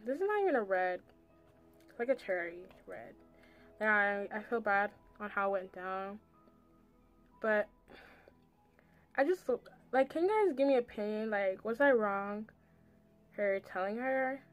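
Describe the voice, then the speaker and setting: A woman's voice: mid-range voice, expressive, a little slow, long pauses, highs cut off. A young adult woman giving a rambling, slangy, casual storytime as she does her makeup, with lots of "like". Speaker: makeup vlogger. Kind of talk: casual chatty storytime while doing makeup. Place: small indoor room. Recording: music playing in the background. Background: music.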